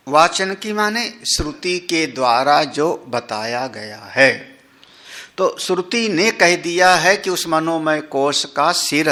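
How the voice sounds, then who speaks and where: Swami teaching scripture; unhurried delivery, fairly high voice, questions the hall and sounds out syllables. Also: male voice, sharp tone. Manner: chants Sanskrit, explains in Hindi, asks listeners questions; demonstrates syllable sounds and tones aloud. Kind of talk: slow scripture discourse. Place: ashram hall.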